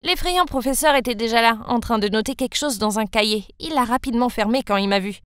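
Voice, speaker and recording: High, expressive young woman narrating. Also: fast, smooth, no echo, clean studio sound. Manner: expressive, dramatic. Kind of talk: scripted first-person narration.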